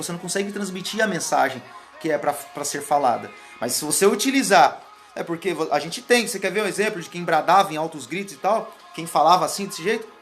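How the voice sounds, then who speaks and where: A man's voice: high voice, a bit bright. A man coaching public speaking on a casual live stream, rambling and thanking viewers by name as they join. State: sweating. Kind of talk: live stream chat, reading viewer comments. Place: indoors, warm room.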